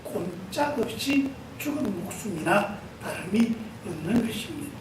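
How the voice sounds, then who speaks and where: Male pastor, middle-aged, Sunday sermon, storytelling, fairly high voice, booming church echo. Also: sing-song, a little slow. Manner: storytelling, addressing the congregation directly. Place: church sanctuary. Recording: echoey church hall, voice from far off, room noise.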